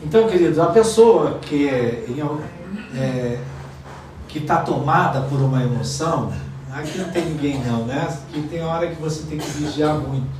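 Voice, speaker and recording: A Brazilian pastor with a high, light man's voice delivers a lively sermon, dropping to quiet asides and then bursting into loud acted-out quotes. He is picked up from a distance in a very echoey church hall. A faint room hum sits under his voice. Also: moderate pace. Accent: Brazilian Portuguese. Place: church sanctuary.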